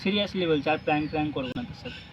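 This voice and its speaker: A young adult vlogger making a prank phone call talks very fast in a fairly high voice with lively intonation, teasing, coaxing and questioning insistently as in a casual chat with a friend. The sound has its highs cut off, with parrot squawks and ambient noise behind him.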